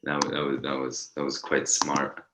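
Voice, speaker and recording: A young man with an exceptionally deep voice hosts a casual podcast with a friend. He rambles, stumbles over restarts and leans on fillers as he talks. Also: completely flat delivery, normal speed, bright, forceful tone, slight background noise, poor audio. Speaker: podcast co-host.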